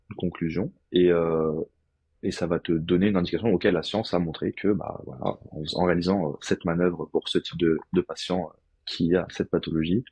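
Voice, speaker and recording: A man's voice: low-pitched, darkish tone, husky, no echo. A man, a physiotherapist guest on a podcast, explaining his practice step by step in a casual, thinking-aloud way.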